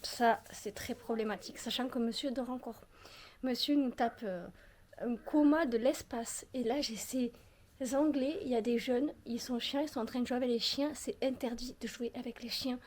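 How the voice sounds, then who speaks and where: A woman's voice: fairly high pitch, moderate pace, a little mellow. A young woman from the Perpignan area with a southern French accent, chatting casually to her viewers as she goes about chores on her terrace. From southern France, Perpignan area. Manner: chatty, self-mocking, talks to the viewers while doing chores. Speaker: vlogger. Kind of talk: casual chat. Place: outdoors on a home terrace.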